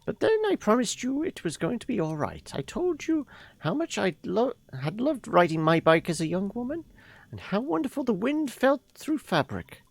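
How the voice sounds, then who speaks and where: A performer putting on the voice of a kindly old woman mentor in a game, tender, halting and reassuring. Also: a little high, very animated, creaky, no room sound, voice pushed up, full character voice. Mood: fond reminiscing.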